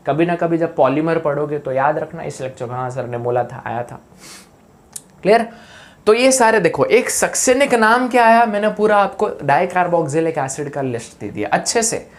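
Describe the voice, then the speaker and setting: A man giving a live online chemistry lecture. He keeps asking students questions and makes up joking memory tricks. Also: high voice. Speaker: chemistry teacher. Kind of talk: live online lecture mixing Hindi and English.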